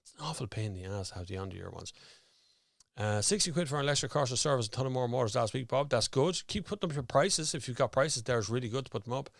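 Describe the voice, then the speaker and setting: A man's voice: medium pitch, animated, fast talker, gravelly, dry recording, clean studio sound. An Irish man hosting a casual live stream, rambling and chatty as he sorts out his audio on air. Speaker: host. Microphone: studio microphone with headphones.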